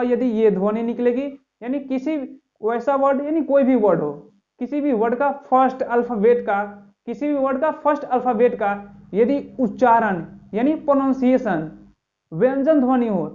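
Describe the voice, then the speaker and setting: A man's voice: very high-pitched, dark tone. A man hosting a grammar lesson for viewers, explaining step by step and repeatedly asking rhetorical questions of his audience. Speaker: English teacher, channel host. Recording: dull lo-fi recording.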